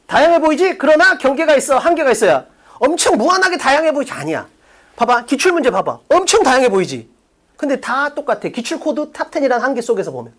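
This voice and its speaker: In an academy classroom, a high-voiced woman lectures an exam-prep English class on exam reading questions. She fires off rhetorical questions and bluntly insults her students with profanity.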